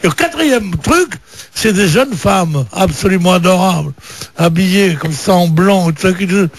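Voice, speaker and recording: A man on a radio panel show, telling a long comic anecdote in an animated, joking way. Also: high-pitched, moderate pace, no room sound. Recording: radio broadcast.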